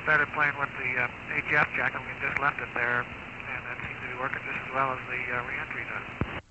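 A male astronaut in orbit talking to a ground station over a crackly spacecraft radio transmission, brisk and matter-of-fact with hesitant fillers. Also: medium pitch, flat delivery. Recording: dull noisy archival radio link.

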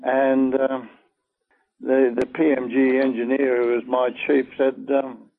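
An older man telling a long personal story in an oral-history interview, halting and full of fillers. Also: medium pitch, monotone. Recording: tinny phone-like old recording.

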